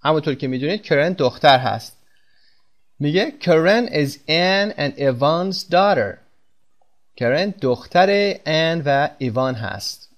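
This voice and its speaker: A male teacher whose first language is Persian gives a recorded English lesson. He reads English sentences very slowly and explains them quickly in his own language. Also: on the high side, lively intonation.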